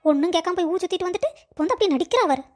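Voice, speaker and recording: A very high, piercing voice belongs to a nagging old mother-in-law in a cartoon story, acted by a woman. She keeps scolding her daughter-in-law and accusing her of things. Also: animated, racing. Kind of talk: cartoon voice acting.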